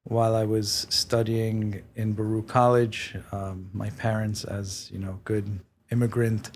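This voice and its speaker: Flat-voiced male podcast guest. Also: fairly low pitch, a little slow, slight background noise. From born in Israel, raised in New York. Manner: hesitant, many fillers and restarts, modest. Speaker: guest, real estate company president. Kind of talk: podcast interview.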